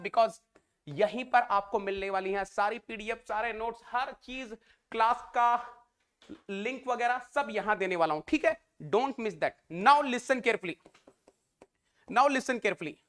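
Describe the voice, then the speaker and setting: A man's voice: sits high, fairly bright tone, clear, resonant tone. A man with an Indian English accent, teaching a live online exam-prep class in a Hindi-English mix, repeating each phrase and coaxing his students to answer. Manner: repeats phrases, coaxes students, calls them "beta".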